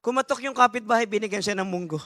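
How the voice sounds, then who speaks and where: A man's voice: sits high, fast talker, bright, forceful tone, no room sound, studio quality. A man preaching a sermon as a bishop, switching between Tagalog and English, stressing his points, asking the congregation questions and calling for amens, with joking asides. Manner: emphatic, asks the crowd rhetorical questions and calls for amens.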